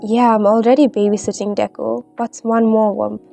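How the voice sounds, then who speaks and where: A blunt, bossy little boy snaps his lines in a gruff, dismissive way, as a woman reading a story puts him on. The voice sits fairly high, with a gravelly edge and a soft, mellow tone. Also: steady tone, normal speed, faint music behind, natural voice.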